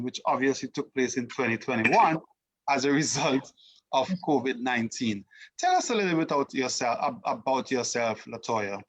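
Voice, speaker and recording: A man hosts a live online talk show. He speaks formally and welcomingly, at an average pitch for a man. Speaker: host.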